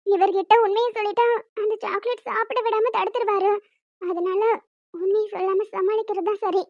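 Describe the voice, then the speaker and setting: Super high squeaky shy college girl a woman's voicing, stammers n begs, dull lo-fi audio. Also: steady tone, moderate pace, no echo. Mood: puzzled. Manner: pleading, hesitant, stammering. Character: young woman college student, naive and timid. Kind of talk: animated story dialogue.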